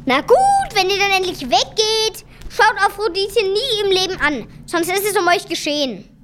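Woman playing Hades, a squeaky, childish underworld god. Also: animated, moderate pace, a bit bright, a little hiss or hum. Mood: sulky, petulant. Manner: childlike, exclamatory, teasing. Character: childish, gleeful male underworld god, playful and petulant. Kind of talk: children's audio drama acting.

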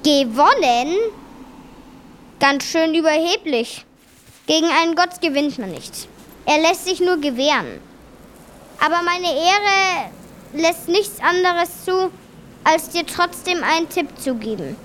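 Woman as Hermes, a haughty high-voiced god. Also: lively intonation, slow pace, pauses often, fairly bright tone, a little hiss or hum, heavily acted. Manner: haughty, pompous. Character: proud, boastful male messenger god, defensive about losing. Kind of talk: children's audio drama acting.

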